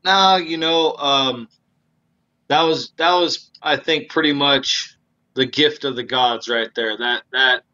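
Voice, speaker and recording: A man's voice: mid-range voice, slow pace, bright, forceful tone. A man chatting as a podcast guest in a laid-back, rambling way over a laggy internet call, his volume dipping in and out. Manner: laid-back, rambling with frequent "you know what I mean". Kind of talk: casual interview chat. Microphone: remote call connection. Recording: dull lo-fi internet call audio.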